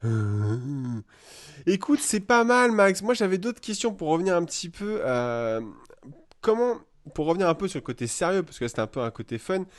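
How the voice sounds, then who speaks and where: Brief: French male host of a live chat, playful, chatty, a touch higher voice. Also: normal speed. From France. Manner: lively, playful, laughs often. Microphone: live video call.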